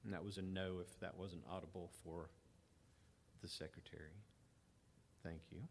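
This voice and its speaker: A man's voice: sits low, level tone, slight background noise. A man chairing a public board hearing in a formal, procedural manner, heard on a meeting-room hearing recording. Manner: measured, procedural.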